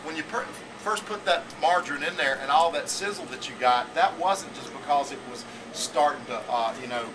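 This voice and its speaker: Forties guy teaching a cooking class, kinda high voice, rambly, says okay a lot, camera mic off at a distance. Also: moderate pace, few pauses. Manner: rambling, repetitive, checks in with "okay?". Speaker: culinary teacher. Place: school teaching kitchen, indoors. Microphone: camera mic from a few feet away. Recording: distant camera audio with air-conditioning hum.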